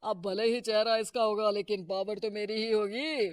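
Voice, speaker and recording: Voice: medium pitch, steady tone, moderate pace, smooth, no echo, studio quality, lightly acted. A performer playing a domineering, corrupt middle-aged male politician husband in a Hindi cartoon moral story, bossy and dismissive. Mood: smug, boastful.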